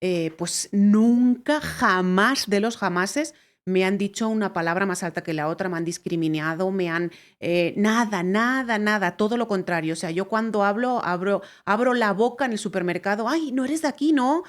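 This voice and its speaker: A woman's voice: mid-range voice, moderate pace. A woman from Spain with a Spanish accent, hosting a reaction video in chatty, emphatic casual talk full of fillers. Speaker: reaction channel host. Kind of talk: casual chat.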